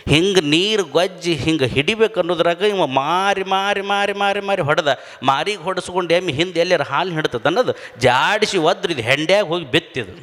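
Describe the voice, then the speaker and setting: High-voiced man telling a comic tale. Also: a bit bright, big-room sound. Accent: North Karnataka Kannada. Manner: storytelling with repeated lines and voiced dialogue. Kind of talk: humorous spiritual discourse.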